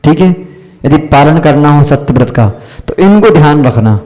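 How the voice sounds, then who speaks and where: A man's voice: fairly high pitch, expressive, normal speed, dark tone, in a large hall, rough recording. A man, a Jain monk, giving a religious teaching discourse and quizzing his listeners with questions and frequent checks that they follow.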